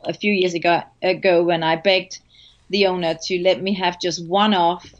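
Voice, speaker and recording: A woman's voice: fairly low pitch, level tone, moderate pace. A woman with a Danish accent, a hypnotherapist and meditation teacher, talking reflectively in a casual interview. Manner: warm, reflective, with light laughs and fillers. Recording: dull lo-fi audio.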